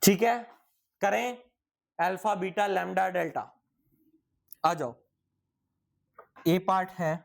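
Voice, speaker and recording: A young man teaching physics in a casual, chatty exam-prep lecture, asking and answering his own questions and sounding tired. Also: fairly high pitch.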